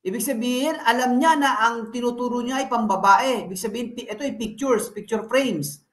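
A fairly high-voiced woman from the Philippines gives a home lesson to her children. She quizzes them patiently and stretches out each word as she drills it. The room around her is echoey. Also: brisk. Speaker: parent teaching her children.

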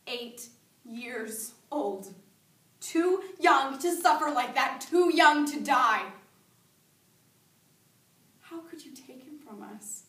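A woman's voice: sits high, expressive, slow pace, pauses often, sharp tone, exaggerated voice. Sorrowful teenage girl pleading in tragic grief, acted by a young woman. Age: young adult. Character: grieving teenage girl pleading with God over dead brother. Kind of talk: stage dramatic monologue. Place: medium-sized school classroom, indoors. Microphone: camera several metres away. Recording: echoey room, distant microphone.

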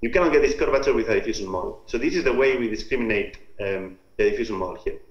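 A man from Spain's Basque Country with a Basque Spanish accent, giving an informal scientific lecture in a halting, step-by-step explanatory way. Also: mid-range voice. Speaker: researcher presenting own work. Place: remote talk over video call. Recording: muffled, roomy video-call audio.

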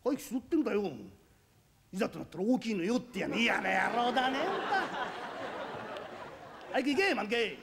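Rough-tongued Edo uncle, gravelly and high, a man voicing him, rakugo style. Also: lively intonation, a little fast, pauses often, over a noisy crowd, heavy background noise. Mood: scolding. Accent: Edo Tokyo. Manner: rough scolding, then fatherly advice. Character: gruff kindly Edo uncle, middle-aged man. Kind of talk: rakugo storytelling.

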